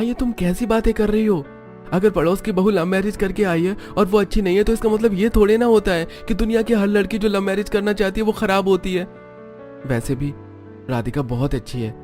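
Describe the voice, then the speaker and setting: A man plays an eager young man in a cartoon story, lifted well above his own narrating voice. He pleads and reassures in a bright, earnest way. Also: sits high, fairly quick, faint music behind, voice pushed up, lightly acted. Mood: pleading.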